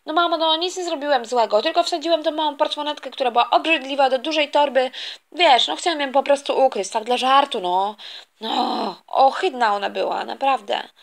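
A woman's voice: high-pitched, a little fast. A woman voicing a sulky, mischievous toy boy. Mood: defensive. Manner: sulky, defensive. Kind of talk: toy storytelling with voices.

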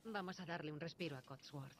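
A woman's voice: sits low, quick pace. A woman playing a loving, protective young wife and mother in a video game drama. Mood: warm, teasing. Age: young adult. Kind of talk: video game drama acting in Spanish dub. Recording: loud game sound effects behind.

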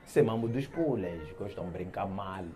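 Animated male comedian. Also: sits low, moderate pace, a crowd in the background. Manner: animated, laughing often, loud exclamations. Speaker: stand-up comedian. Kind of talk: stand-up comedy storytelling.

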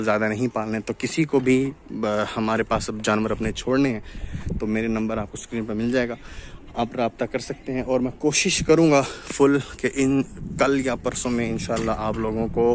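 A young man from Pakistan walking viewers through his farm construction site in a casual vlog, filmed outdoors on a phone. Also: medium pitch. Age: young adult. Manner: explanatory, steady talk to viewers. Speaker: cattle farm vlogger. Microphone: phone camera, selfie framing. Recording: outdoor noise from tractors and wind.

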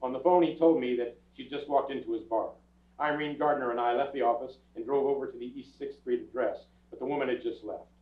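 Playing a businesslike detective in a live radio crime drama, an older man narrates his case with clipped, procedural delivery on a theatre stage in front of an audience. His mid-range voice is brisk and fairly even, close to everyday speech. A distant camera picks it up, leaving the sound echoey and tinny.

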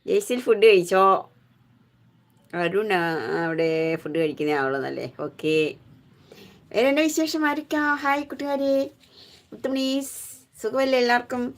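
A woman's voice: on the high side, normal speed. Woman on a live stream, chatty and affectionate, greets everyone by name, easy casual talk.

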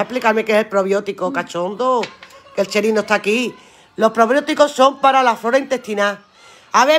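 Brief: woman, live-stream seller, chatty and earthy, swears casually, laughs a lot. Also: on the high side. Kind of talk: casual live-stream chat reading viewer comments aloud.

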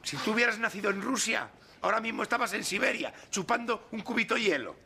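Spanish guy in a sitcom teasing his buddy, bright bouncy voice, gravelly. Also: high-pitched, fast talker, a little hiss or hum. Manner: dry, mocking. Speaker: sitcom character, friend. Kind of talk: sitcom acting.

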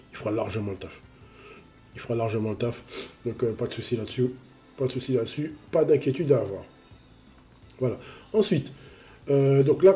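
Man, sniffly with a cold, warm dark voice, casual game stats review, lots of repeats and fillers. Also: medium pitch. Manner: repeats himself, full of fillers. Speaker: mobile game analyst.

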